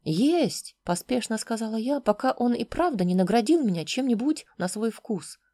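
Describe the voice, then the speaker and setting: A woman reading a fantasy novel aloud in the first person, soft and intimate, at times dropping almost to a whisper. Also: on the high side, animated, a little fast, no room sound, clean studio sound. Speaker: audiobook narrator. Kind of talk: first-person audiobook narration.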